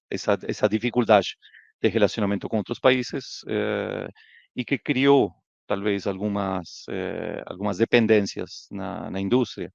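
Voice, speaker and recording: Gravelly low-voiced man, hesitant. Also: no room sound. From Argentina. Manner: halting, many fillers and restarts. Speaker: economist guest. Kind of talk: interview answers. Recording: dull, dry, lo-fi.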